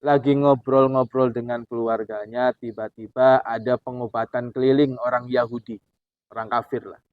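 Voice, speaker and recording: A man preaching who tells a story in an animated way, acting out the dialogue as he goes. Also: mid-range voice, moderate pace, no room sound. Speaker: Islamic preacher. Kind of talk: sermon storytelling. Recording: dull, dry recording.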